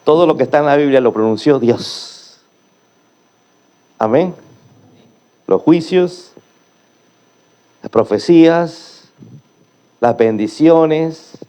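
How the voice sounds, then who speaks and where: High-voiced emphatic male preacher. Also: slow, long pauses, warm tone. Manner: emphatic preaching with rhetorical questions. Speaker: pastor. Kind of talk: sermon.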